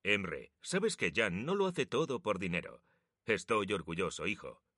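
A man voicing a frail old father who gently consoles his son, with a lively, low voice. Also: unhurried, no echo, studio quality, full character voice. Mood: proud.

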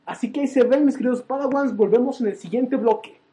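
A young man with a Mexican accent, co-hosting a comedy podcast and telling stories in an animated, playfully exaggerated way. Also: extremely high pitch, fast talker. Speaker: podcast co-host. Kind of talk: joking podcast banter.

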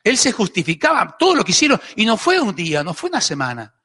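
A man's voice: sits high, huge pitch swings, quick pace, sharp tone, husky. A man with an Argentine accent preaching a sermon as pastor, emphatic and repetitive, often asking "¿eh?". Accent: Argentine Spanish. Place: church hall. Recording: echoey church hall.

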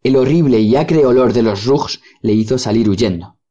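A man narrates a story in a measured, solemn manner, his voice dark and mellow at an ordinary pitch. The recording has a dull, muffled, lo-fi sound. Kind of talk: audiobook reading.

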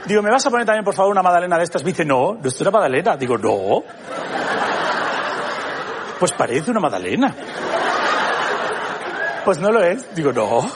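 A man performs a stand-up routine, his pitch swinging widely as he acts out both sides of conversations. He is recorded on a stage, with a live audience laughing loudly and steady noise from the theatre behind him. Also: rapid-fire, few pauses, crowd noise. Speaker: stand-up comedian. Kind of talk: stand-up comedy monologue.

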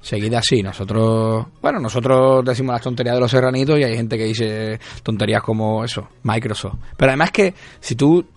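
A man from Spain co-hosting a casual gaming podcast, rambling and animated, with a Spain Spanish accent. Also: mid-range voice, a little fast, hardly any pauses. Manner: rambling, animated, calls his co-host "tío". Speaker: podcast co-host.

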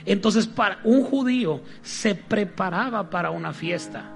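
A man's voice: high voice, lively intonation, measured pace, vocal fry, soft background music. A man preaching a sermon with humor, getting the congregation to repeat his lines to each other.

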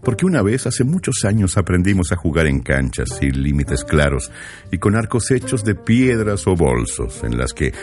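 A man's voice: deep voice, big pitch swings, normal speed, music in the background. A man reading a scripted, reflective narration about sport. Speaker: radio show narrator.

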